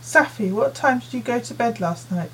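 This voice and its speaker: A woman voicing a busy working mother who fusses and hands out chores in a brisk, nagging way, read as an audiobook character. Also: fairly high pitch, lively intonation, a little hiss or hum, voice pushed up, rough recording. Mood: bossy. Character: busy, fussing working mother in her forties.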